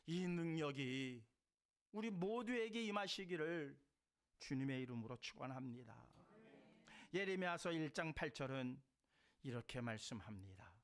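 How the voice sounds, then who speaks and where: A man preaching a sermon as a church pastor. He reads scripture aloud with the congregation, and his voice swings between loud, high emphatic preaching and soft, low asides. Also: expressive, a little slow. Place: church sanctuary.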